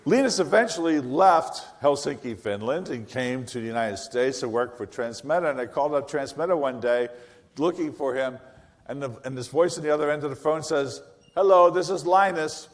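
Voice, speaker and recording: An older man giving a conference talk, telling animated stories full of wry asides and quick self-corrections. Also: mid-range voice. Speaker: conference speaker. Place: large conference hall. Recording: reverberant hall.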